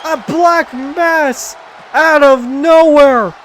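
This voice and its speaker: Male wrestling commentator, very high pitch, dramatic shouted calls delivered in drawn-out, unhurried phrases over crowd noise. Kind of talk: excited play-by-play wrestling commentary. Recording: music and crowd noise behind.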